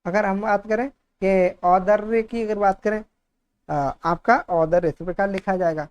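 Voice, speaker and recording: A man's voice: high voice, fairly even intonation, unhurried, clear, resonant tone, highs cut off. A man teaching a grammar lesson for exam preparation, saying each word more than once in a dictating way. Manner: repeats each word, dictating-style explanation.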